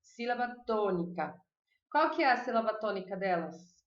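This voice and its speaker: A woman teaching a language class online, chatting with her students, asking them questions and slowly repeating lists of words. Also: medium pitch, animated, reverberant, lo-fi sound. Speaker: Spanish teacher.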